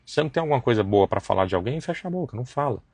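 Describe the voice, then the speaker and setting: A man's voice: mid-range voice, lively intonation, racing, a little mellow, no room sound. A man, hosting a faith and business live stream and preaching emphatically with slangy asides. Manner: emphatic, acts out gossiping voices with slangy asides. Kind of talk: preachy motivational talk.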